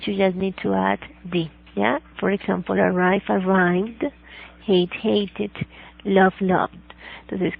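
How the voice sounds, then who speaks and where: A woman with a Colombian accent gives a grammar lesson, going over each rule twice and checking in with her students after almost every step. Her voice carries a heavy gravelly fry. The sound is thin and tinny, like a phone line. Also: mid-range voice. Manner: repeats each rule in two languages, checks with "¿ya?" and "¿sí?". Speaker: English teacher.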